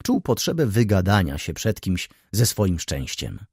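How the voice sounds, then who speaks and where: A man narrating a classic novel in a measured, expressive audiobook reading. His voice is low and a little husky, and his pitch rises and falls freely. The recording is close and completely dry. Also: no room sound.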